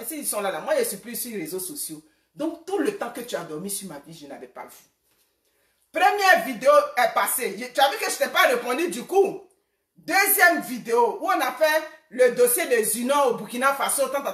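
A woman's voice: on the high side, a bit bright, roomy sound, distant mic. A woman in her forties speaking casually to another woman, retelling past exchanges and calling for reconciliation. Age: 40s. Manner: conversational, retelling quoted exchanges. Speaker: social media personality. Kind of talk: casual personal address to a rival.

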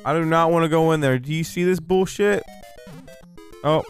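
A man's voice: on the high side, normal speed, soft background music. A man giving exasperated, heavily sweary reaction commentary while playing video games. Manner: ranting, heavy swearing, exasperated. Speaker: gaming video creator. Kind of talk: profane gameplay reaction commentary.

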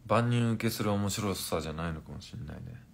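A man in his forties chatting on a live stream and reading viewer comments, in a languid, drowsy-sounding, unhurried way. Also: low voice, creaky, a little hiss or hum. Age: 40s.

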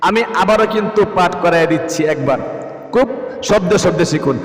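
Here the same high-voiced religious teacher sounds expressive and brisk, earnestly coaxing his students through a prayer recitation by repeating each phrase word for word. His words ring out in an echoing room with a long reverb tail.

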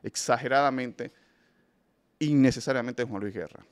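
A man's voice: medium pitch, normal speed. A man hosting a film review show, giving opinionated casual commentary and speaking emphatically to his listeners, often restarting his sentences. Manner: emphatic, addresses listeners directly, frequent restarts.

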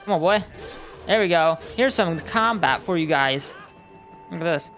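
A young man giving casual, excitable let's-play commentary, swearing and laughing often. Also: a little high, moderate pace, faint music behind. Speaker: gaming YouTuber.

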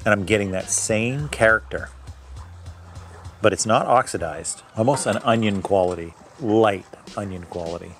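A man reviewing his own home-brewed beer in a casual tasting video, thinking aloud and correcting himself as he goes. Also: deep voice. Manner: describes aromas and flavors in detail.

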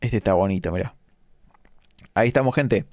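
A man's voice: fairly low pitch, darkish tone, dry recording, clean studio sound. A young Argentine man with a Rioplatense accent, streaming a game late at night and chatting with viewers as he reads out their comments. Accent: Rioplatense Argentine Spanish. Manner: chatty, reads chat comments aloud, quick asides. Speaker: live-streaming gamer. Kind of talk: casual live-stream commentary reading chat.

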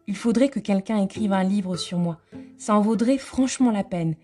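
A woman's voice: medium pitch, normal speed, mellow, soft background music, close to an everyday voice. A woman voicing a curious young girl in a storybook reading, musing aloud to herself in a wondering tone.

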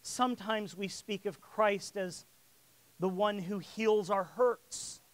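A man delivers a sermon in a notably high voice, recorded close and dry. He rises in force on his key lines and doubles back on words as he searches for phrasing. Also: takes it slowly, no room sound. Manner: builds in volume and emphasis on key lines. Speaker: preacher.

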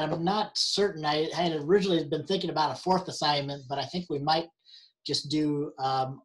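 Halting man instructor losing his voice. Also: on the high side. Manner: halting, many fillers and restarts. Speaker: university instructor. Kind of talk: online help session talk.

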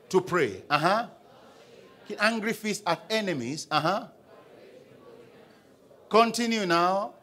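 On a large church auditorium stage, a young man with a Nigerian English accent preaches with a handheld mic, walking back and forth. As pastor, he runs a call-and-response, having the congregation read aloud and answer, and moves between loud emphasis and quiet asides.

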